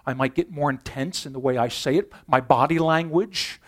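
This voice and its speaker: A man in his fifties preaching a sermon in a conversational way, moving between loud emphasis and quiet intensity. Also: a little high, moderate pace. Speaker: pastor.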